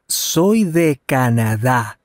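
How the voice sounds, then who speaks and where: A voice actor in language lesson dialogues plays a polite, friendly Canadian traveler practicing his Spanish, speaking very slowly in a mid-range, sing-song voice. In this scripted learner dialogue he enunciates deliberately and carefully, saying each phrase slowly and then at normal speed, in studio-quality sound with no echo.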